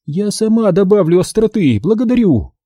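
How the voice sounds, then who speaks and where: A man voicing a lively, bossy young woman who runs a café, emphatic and exasperated, in an audiobook. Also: sits high, moderate pace, husky, no echo, studio quality, voice pushed up, exaggerated voice. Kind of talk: audiobook character voice.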